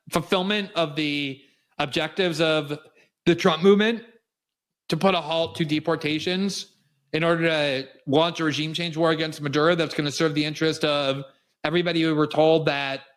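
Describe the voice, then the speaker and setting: A South Florida man hosts a political commentary show, delivering an emphatic, indignant and cutting monologue. His pitch is fairly high, and his tone is a bit bright.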